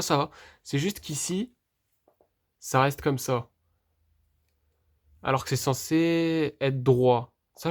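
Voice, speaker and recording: A vlogger unboxing a toy figure in a casual, hesitant way, thinking aloud, talking straight to viewers and filling pauses with hesitations. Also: medium pitch, a little mellow. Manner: hesitant, puzzled, fills pauses with "euh" and "du coup".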